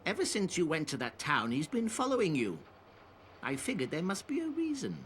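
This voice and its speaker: A man's voice: high-pitched, huge pitch swings, brisk, fairly bright tone, full character voice. An actor playing a talkative, teasing old cat man in a video game, with a theatrical, chiding, probing manner. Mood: wry, nonchalant. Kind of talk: English video game voice acting. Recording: clearly noisy game audio with ambience.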